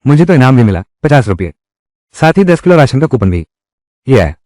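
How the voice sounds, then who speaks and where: A man's voice: mid-range voice, very animated, a little fast, warm tone, no echo, clean studio sound. A man narrating a dubbed drama recap and reading every part himself in one voice. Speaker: dubbing narrator. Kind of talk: Hindi drama recap dubbing.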